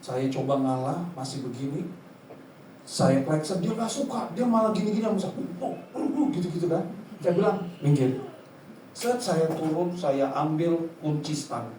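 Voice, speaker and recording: Joking pastor preaching in an echoey hall. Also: male voice, fairly high pitch, animated, darkish tone. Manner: humorous, mimics voices in quick asides. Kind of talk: lively preaching with acted-out anecdotes. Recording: echoey hall, distant mic, noisy.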